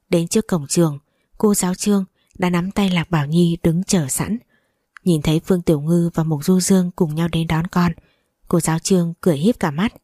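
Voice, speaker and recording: A woman's voice: lowish voice, mellow, dry recording, studio quality. A woman narrating a novel as an audiobook, reading steadily and evenly.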